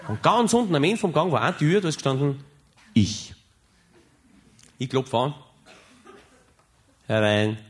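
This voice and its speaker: Deadpan Austrian comedian telling a story. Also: male voice, fairly high pitch, normal speed, pauses often. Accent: Austrian German. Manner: rambling, deadpan storytelling with hesitations. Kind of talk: stand-up comedy monologue.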